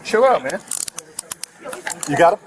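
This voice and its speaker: A man's voice: fairly high pitch, very animated, a little slow, crowd noise. A male police officer giving blunt, informal, repeated commands during an arrest, on noisy body camera audio.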